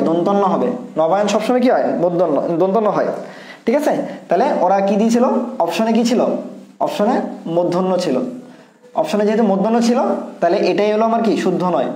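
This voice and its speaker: Quick, high-voiced man tutoring. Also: dark tone, roomy sound. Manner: quick, repeats points and keeps checking in with students. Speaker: admission test tutor. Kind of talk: exam answer walkthrough.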